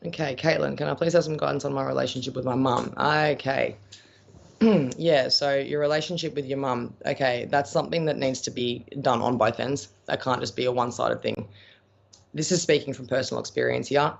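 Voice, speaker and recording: This psychic medium from Australia does live-stream readings, fielding viewer questions in a blunt, talkative way and using pet names for them. He speaks briskly in a steady, creaky, mid-range voice, and the audio is dull and lo-fi.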